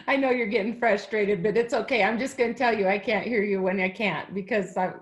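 A woman's voice: medium pitch, unhurried. Woman host on a video call, casual, upbeat and reassuring. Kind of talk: casual interview chat.

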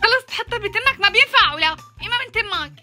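A woman's voice: very high voice, animated, rapid-fire, sharp tone, faint music behind. A woman, chatting playfully in a family vlog and cooing baby talk at her son. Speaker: mother and family vlogger. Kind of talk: casual family vlog chat.

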